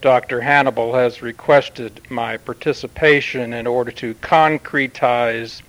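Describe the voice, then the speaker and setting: A man channeling a solemn male Martian commander who addresses Earth in formal, measured pronouncements with long pauses. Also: mid-range voice, fairly even intonation, a bit bright, natural voice, low-quality recording. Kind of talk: channeled spiritual message.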